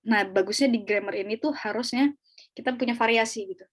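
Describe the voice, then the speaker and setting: A woman's voice: on the high side, fairly quick. A woman tutoring an online speaking class, explaining in a chatty, casual way with fillers and small laughs over a video call.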